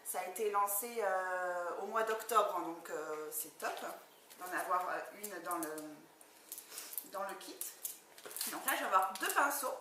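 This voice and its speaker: A woman's voice: medium pitch, pushed and bright. Enthusiastic woman unboxing, echoey and distant. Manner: chatty, enthusiastic, many fillers. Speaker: beauty vlogger. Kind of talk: casual product unboxing. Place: indoor room, far from the camera. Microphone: camera mic at a distance. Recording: echoey room, distant mic, background noise.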